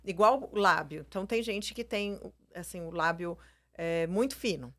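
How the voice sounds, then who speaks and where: A Brazilian Portuguese-speaking woman, a plastic surgeon, explains her views in a casual interview. Her voice is fairly low and fairly bright, at a normal speed. She leans on filler words and tags questions with "né" and "entendeu".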